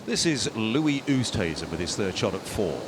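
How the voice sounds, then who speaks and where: A man working as a golf commentator, giving broadcast highlights commentary on players and standings. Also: sing-song, normal speed. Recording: loud music and outdoor noise behind. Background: music, outdoor noise.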